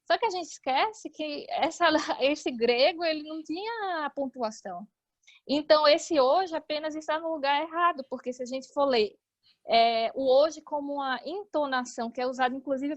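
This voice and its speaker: Brazilian woman, high pitch, dry sound, Bible study explainer. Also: no echo, lo-fi sound. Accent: Brazilian Portuguese. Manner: explanatory, reads verses aloud. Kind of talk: online Bible study teaching.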